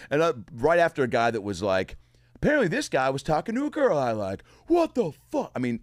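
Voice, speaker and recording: Man, casual storytelling, profane, animated, dry studio sound. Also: low voice, dry recording. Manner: animated, profane, laughs while telling stories.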